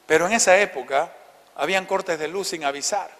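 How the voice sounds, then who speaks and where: A man in his fifties with a Santa Cruz Bolivian accent, preaching a sermon and telling a childhood story, often dropping to soft, hushed tones. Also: a little high, brisk, long reverb tail. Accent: Bolivian Spanish, Santa Cruz. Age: 50s. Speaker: pastor. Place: church hall.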